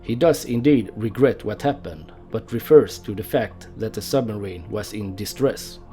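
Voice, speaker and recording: A man's voice: fairly low pitch, moderate pace, dark tone, soft background music. A man narrating a history documentary, telling the story in an amused way and laughing now and then.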